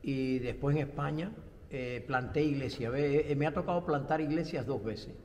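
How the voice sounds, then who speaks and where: A man's voice: medium pitch, moderate pace, darkish tone, long reverb tail, slight background noise. An older man from Cuba, a pastor and theology professor, answering interview questions in a reflective way with light self-deprecating humor. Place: studio set with bright backdrop.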